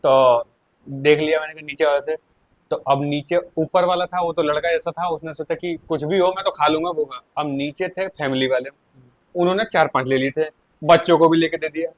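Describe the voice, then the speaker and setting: Casual male storyteller, animated, slightly high-pitched, laughs through his telling. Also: normal speed, dry recording. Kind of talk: casual anecdote.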